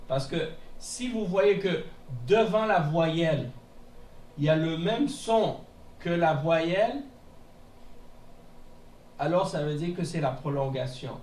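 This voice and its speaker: Slow, patient male teacher in an echoey room. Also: fairly high pitch, expressive, darkish tone. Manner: patient, repeats words slowly with checks like "hein?". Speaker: Arabic teacher. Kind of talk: classroom lesson. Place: mosque classroom. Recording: echoey room from a distance, faint noise.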